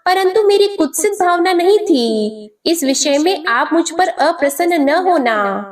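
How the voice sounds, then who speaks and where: A woman's voice: very high-pitched, lively intonation, unhurried, distant mic. A woman reading a humble, puzzled king. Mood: respectful.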